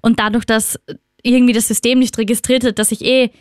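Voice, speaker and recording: A woman's voice: on the high side, level tone, brisk, no echo, studio quality. A young Austrian woman telling a travel story in casual chat, acting out the people she quotes. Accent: Austrian German.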